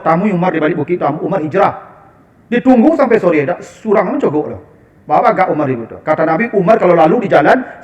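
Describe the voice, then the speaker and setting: A man with a Minangkabau accent preaching a lively, humorous sermon and speaking directly to the women in the audience. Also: sits high. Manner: animated, humorous, addressing the women as "ibu".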